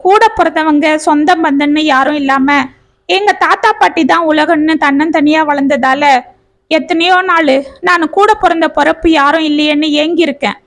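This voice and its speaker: A young wife pleads her innocence in a very high, tearful voice, voiced by a woman storyteller. She keeps her words earnest and desperate, begging to be heard. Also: a bit bright.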